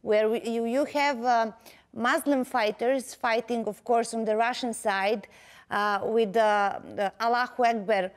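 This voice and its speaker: A woman's voice: fairly high pitch, steady tone, a little slow. Hesitant woman interviewer. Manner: hesitant, many fillers and restarts. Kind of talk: interview questions.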